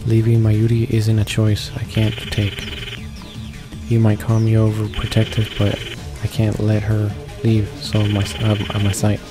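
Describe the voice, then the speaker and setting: A man reads visual novel text a little slowly in a lowish monotone, occasionally stumbling, as a let's player. Game music sounds behind his voice.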